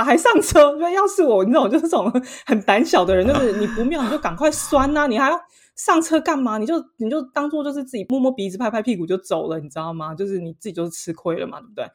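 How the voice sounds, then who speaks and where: Animated Taiwanese woman telling stories. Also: medium pitch. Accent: Taiwanese Mandarin. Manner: animated, acts out quotes, laughs often. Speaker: podcast co-host. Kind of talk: casual chat, storytelling.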